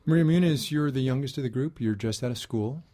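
A man's voice: mid-range voice, fairly quick, dark tone, dry recording. A man hosting a radio news program, introducing and questioning a panel of guests in a conversational way. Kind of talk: broadcast interviewing.

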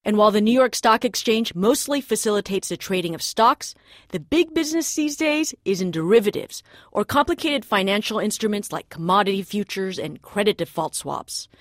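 A woman's voice: mid-range voice, moderate pace, dry recording. American woman radio reporter, dry sound. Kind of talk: scripted news report narration. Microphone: close studio microphone.

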